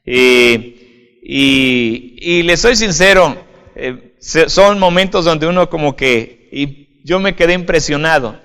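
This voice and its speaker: A man's voice: on the high side, takes it slowly, a bit bright, clean tone. A man, a pastor giving an informal video sermon, speaking conversationally and often checking in with the listener. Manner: conversational, often adds "right?", addresses listener as "usted". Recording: long hall reverb.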